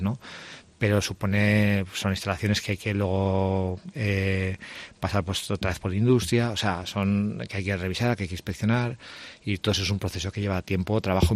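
Deep-voiced man, halting speech. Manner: hesitant, frequent restarts and fillers. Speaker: restaurant owner. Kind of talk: radio interview guest. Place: radio studio.

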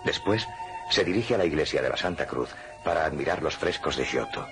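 A man's voice: extremely low pitch, animated, a little fast, music in the background. A man narrating an educational history cartoon in a solemn, scripted style.

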